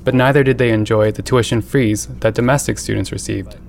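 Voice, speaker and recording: A man reporting and narrating a scripted news feature in a measured, even reading. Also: mid-range voice, gravelly. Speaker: radio reporter.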